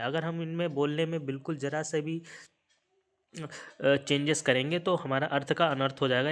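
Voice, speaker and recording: A man teaching an exam-prep lesson in a mid-range voice, neither high nor low. He works through each point step by step, asking rhetorical questions and answering them. English terms slip into his explanations. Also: a bit bright. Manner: sprinkles English terms into Hindi.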